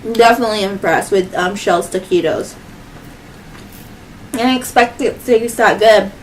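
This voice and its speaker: A woman's voice: medium pitch, a little hiss or hum. A woman hosting a casual eating video, chatting playfully between bites. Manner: playful, chatty, with chewing pauses. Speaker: mukbang host. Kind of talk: casual chat while eating.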